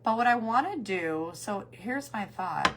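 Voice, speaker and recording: Woman, hoarse failing voice, mid pitch, casual livestream host, chatty, greeting viewers. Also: lively intonation, measured pace, very noisy. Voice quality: hoarse, voice cutting in and out. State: losing her voice after coughing.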